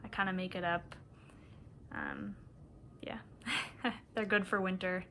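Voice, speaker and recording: A woman from Minnesota hosting a knitting podcast in casual chat, chatty and rambling, often breaking into soft laughs. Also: fairly low pitch, huge pitch swings, slow pace, slight background noise.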